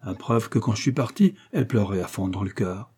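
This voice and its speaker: Man putting on a cocky young parisian guy, slangy and sassy, husky edge. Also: on the low side, lively intonation, a little fast, mellow. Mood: cheeky. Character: cheeky young Parisian working-class man.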